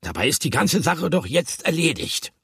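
A man voicing a brisk, take-charge male hamster who speaks urgently. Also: a little high, very animated, gravelly, fairly bright tone, slightly rough, dry recording, clean studio sound, pitched above the performer's own voice, heavily acted. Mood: grumbling.

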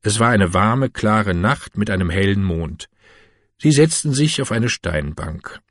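A man narrating an audiobook in a calm, measured storytelling manner with a husky voice. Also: fairly low pitch, dry recording, studio quality. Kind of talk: audiobook reading.

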